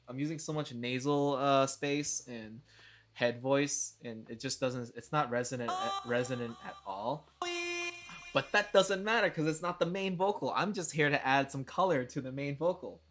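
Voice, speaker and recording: Young male streamer, loose chatty delivery with frequent laughs, bright tone. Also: mid-range voice, normal speed. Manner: chatty, laughs often, swears casually. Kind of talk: casual livestream chat.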